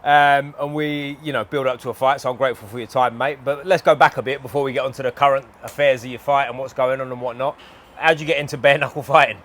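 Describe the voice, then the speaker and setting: Fast-talking London-area man, matey host. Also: mid-range voice, fairly even intonation, fairly bright tone, a little hiss or hum. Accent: southern English, London area. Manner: matey, colloquial, sweary. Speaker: podcast host, interviewer. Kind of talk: casual interview chat. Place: indoors in a gym.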